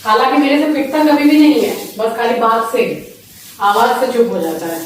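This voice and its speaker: A high-pitched woman talks in a casual home vlog while she bathes her dog. She coaxes and playfully scolds it, and her voice is distant in an echoey room with a faint hiss behind. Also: moderate pace. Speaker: vlogger. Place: home bathing area. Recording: echoey room, voice far from mic.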